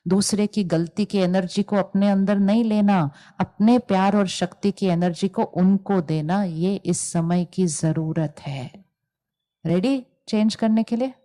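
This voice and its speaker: Calm woman giving a spiritual talk, tells little stories, warm mellow voice. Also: medium pitch, measured pace. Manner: calm, explaining, with stories and quoted dialogue. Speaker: spiritual teacher.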